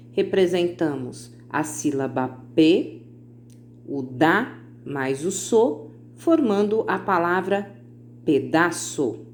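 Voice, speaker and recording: A woman teacher recording a video lesson for children, with patient explanations and slowly stretched-out example words. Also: lowish voice, a little mellow, a little hiss or hum.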